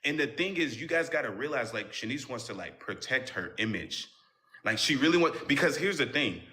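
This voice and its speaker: A man's voice: medium pitch, animated, a little fast, bright, forceful tone. A young man on a live stream, defending himself in a heated debate and repeating himself when cut off. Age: young adult.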